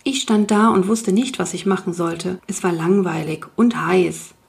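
A woman narrating a children's story in the first person, calm and even. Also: on the low side, a little slow, creaky. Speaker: audiobook reader.

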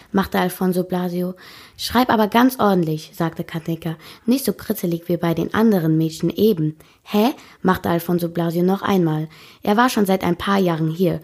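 A woman's voice: fairly low pitch, darkish tone, husky. A woman reads a passage from a novel aloud in a plain, careful way. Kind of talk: reading a book passage aloud.

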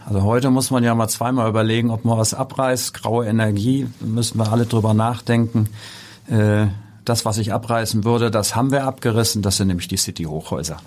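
A man's voice: on the low side, fairly even intonation, brisk, a little mellow. A middle-aged man answers interview questions in a studio. He speaks thoughtfully and stops often to hesitate with fillers. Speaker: guest, construction company executive. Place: podcast studio.

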